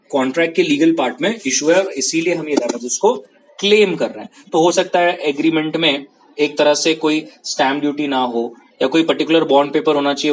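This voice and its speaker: A man from India lectures on contract law in a slightly high voice. He moves between Hindi and English and keeps stopping to check that his students are following along. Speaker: law teacher. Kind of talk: classroom-style lecture.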